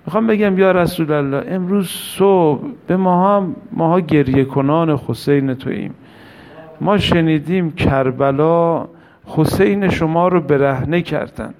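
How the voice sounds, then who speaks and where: High-voiced man preaching a lament. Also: gravelly, a little mellow. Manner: emotional, lamenting, pleading. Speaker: mourning preacher. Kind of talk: religious mourning sermon.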